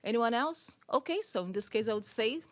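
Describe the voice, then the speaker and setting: A woman's voice: a little high, lively intonation, brisk, a little hiss or hum. A woman spokesperson running a press briefing, polite and hesitant with many fillers. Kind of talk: press briefing, answering questions.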